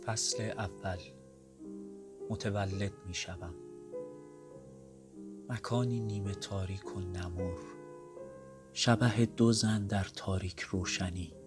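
A man narrating the stage directions of an audio drama in a calm, measured way. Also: fairly low pitch, over loud music.

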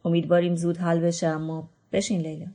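A woman voicing a kind, weary male newspaper editor, speaking calmly and gently in a book reading. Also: fairly low pitch, lightly acted. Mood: reassuring. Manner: calm, gentle reassurance. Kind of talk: audiobook reading.

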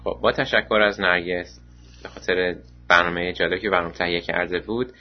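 A man's voice: low voice, steady tone, soft background music. A man hosting a radio podcast, chatting casually and hesitantly. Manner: hesitant, many "uh" fillers. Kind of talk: casual chat. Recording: muffled lo-fi recording.

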